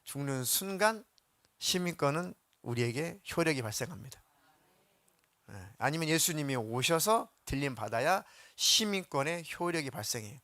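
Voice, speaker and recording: Male pastor, sermon, higher voice, dramatizes quotes, dry close sound. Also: no room sound. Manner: animated, acts out biblical quotes in voices; asks the congregation questions.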